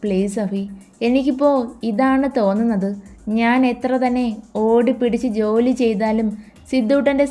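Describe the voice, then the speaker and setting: A woman's voice: on the high side, dark tone, natural voice. A woman voicing a devoted young woman in a romance audiobook, speaking in a pleading, earnest way.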